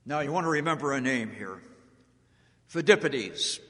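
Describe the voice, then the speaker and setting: An American man telling history as a public speaker, deliberate and dramatic, with emphatic pauses. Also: mid-range voice, animated, sharp tone. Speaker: speaker giving a historical talk to an audience. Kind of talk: public storytelling speech on history. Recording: echoey hall with long reverb.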